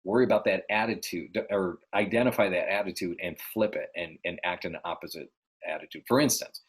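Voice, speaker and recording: A man's voice: low-pitched, brisk, breathy edge. A man giving earnest, encouraging motivational advice as a life coach, repeating his key phrases. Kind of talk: motivational podcast talk. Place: New York City.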